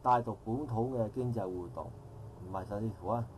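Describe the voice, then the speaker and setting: Speaking a little fast in a fairly low, slightly mellow voice, this middle-aged man offers a lengthy public comment at an outdoor park forum. He has a Hong Kong Cantonese accent, phrases things formally, wanders, and frequently corrects himself. There is slight background noise.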